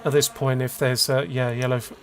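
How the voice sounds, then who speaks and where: A man's voice: mid-range voice, flat delivery, a little fast. A man giving casual, chatty commentary on an online racing league, calling positions and penalties. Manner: chatty, laughs along, lists penalties. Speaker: race commentator.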